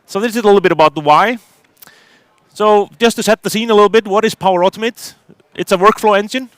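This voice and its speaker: Speaking quickly in a high, slightly bright voice, a middle-aged conference speaker from Iceland presents a technical talk on stage. He hesitates a lot, leaning on fillers and starting over often, and the audio has no echo.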